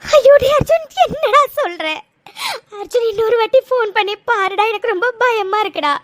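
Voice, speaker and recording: A woman voicing a frightened old grandmother in a cartoon story, wailing in a very high voice. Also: animated, normal speed, no room sound. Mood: anguished. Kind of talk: cartoon voice acting.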